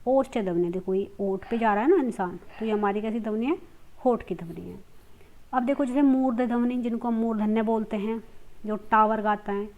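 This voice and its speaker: Woman, teacher, fairly high voice, step-by-step explaining, slow sounded-out letters. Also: a little mellow. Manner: explains step by step, repeats letter sounds slowly, asks and answers her own questions. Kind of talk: classroom grammar lesson.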